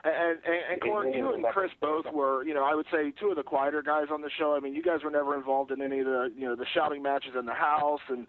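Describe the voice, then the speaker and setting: A man's voice: a little high, fast talker, few pauses. A man working as a reporter, asking long conversational questions on a media conference call over the phone. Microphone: telephone. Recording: dry narrow telephone line.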